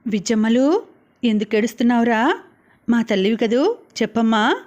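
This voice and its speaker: A woman voicing a caring young mother in an audiobook, speaking softly and tenderly, with worry underneath. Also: on the high side, steady tone, moderate pace, close to an everyday voice. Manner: soft, tender and coaxing.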